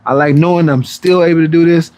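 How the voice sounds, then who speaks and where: A fast-talking man in his 40s with a fairly high, slightly mellow voice and fairly even intonation hosts a fitness livestream. He casually responds to viewer comments, rambling in a laid-back way.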